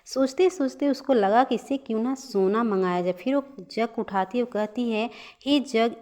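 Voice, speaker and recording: A woman narrating a storybook cartoon with an expressive, lively reading. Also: on the high side, moderate pace.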